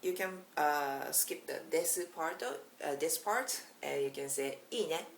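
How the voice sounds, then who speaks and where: Japanese woman teaching slowly, echoey room. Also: low-pitched, gravelly, a little hiss or hum. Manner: slow, careful explanations with frequent "uh" fillers and example phrases. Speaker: language teacher. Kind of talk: casual video lesson. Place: small bright indoor room.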